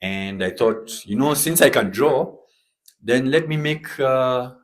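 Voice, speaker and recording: A man with a Kenyan accent, a comic artist guest who chats in a relaxed way on a panel. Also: mid-range voice, slow pace. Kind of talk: panel discussion.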